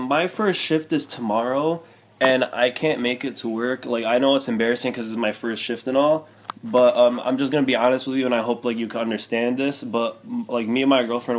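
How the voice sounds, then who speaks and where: A man in his twenties plays an earnest prank caller on the phone. He speaks casually and hesitantly at a middle pitch, oversharing with many fillers. Faint noise sits in the room recording. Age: 20s. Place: small bare-walled room indoors. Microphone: camera a few feet away.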